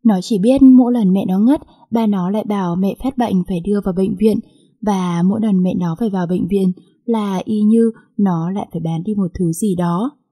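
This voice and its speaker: A woman narrating a sad family story in a steady, emotive reading style. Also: medium pitch, moderate pace, husky.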